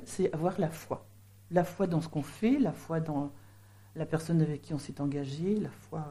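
Low mellow-voiced French woman preaching. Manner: teaching, explains word meanings, warm asides. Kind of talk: sermon.

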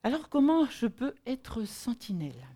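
A woman with a slightly high, dark-toned voice delivers a very animated, earnest sermon, reading from the Bible, restarting haltingly as she thinks, and hammering home rhetorical questions.

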